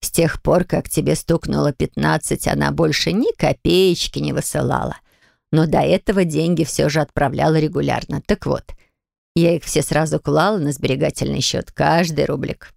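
A shrewd old grandmother in a storybook, low and gravelly, drawing her words out in a slow, knowing way, as a woman narrator puts her on. The sound is close and dry. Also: fairly even intonation, a little mellow, no room sound. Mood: sly. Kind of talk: audiobook character voicing.

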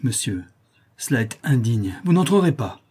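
A man's voice: medium pitch, moderate pace, warm tone, breathy edge, pitched above the performer's own voice, lightly acted. A man voicing a frightened, desperate middle-aged mother who speaks in a pleading, anxious way.

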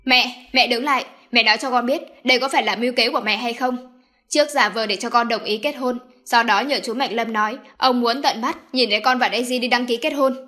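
Woman reads a stern young man, loud and demanding, storybook audio. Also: a little high, steady tone, quick pace. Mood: angry. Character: angry young adult son confronting his mother.

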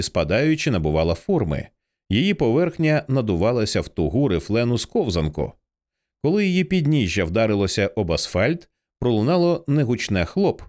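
A man reads a thriller audiobook aloud in a fairly low voice with wide, lively swings of pitch. His storytelling is measured and expressive, shaping each sentence. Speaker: audiobook narrator. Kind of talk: scripted narration.

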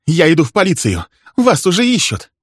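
A man voicing a hysterical, furious woman who shrieks accusations, his voice pushed very high and loud. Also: wildly swooping pitch, fairly quick, husky, dry recording, clean studio sound, exaggerated voice. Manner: screaming, shrill.

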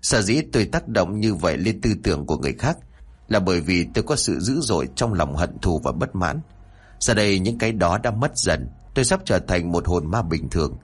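A man's voice: low voice, lively intonation, fairly quick, husky. A man voicing a young woman's ghost, once full of hatred and now tender and sorrowful, speaking mournfully to those she loves. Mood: weary.

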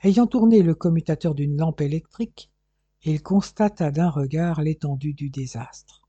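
Dark-voiced man reading a detective novel. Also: on the high side, normal speed, breathy edge, no echo, muffled recording. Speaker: audiobook narrator. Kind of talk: scripted narration of a detective novel.

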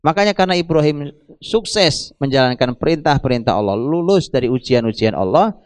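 A middle-aged man preaching a sermon, animated and emphatic, often addressing his listeners directly. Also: a little high, fairly quick, smooth, no echo. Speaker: Islamic preacher.

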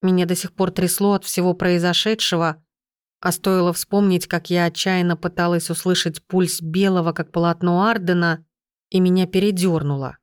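A woman reading a first-person audiobook in a steady, measured storytelling voice. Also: fairly low pitch, smooth, no echo, studio quality. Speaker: audiobook narrator.

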